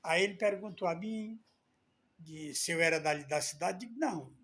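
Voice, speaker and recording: A man's voice: sits high, moderate pace, fairly bright tone, slightly rough. A man from Ceará, telling an emotional personal story in a heartfelt, repetitive way. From Brazil, from Amontada in Ceará. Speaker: storyteller, channel host.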